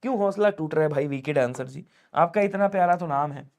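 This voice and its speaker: High-voiced teacher urging quick answers. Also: male voice, creaky, a little mellow. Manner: urges viewers to comment quickly, asks and answers his own questions. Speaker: Hindi teacher for police exam prep. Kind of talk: live online exam-prep lesson.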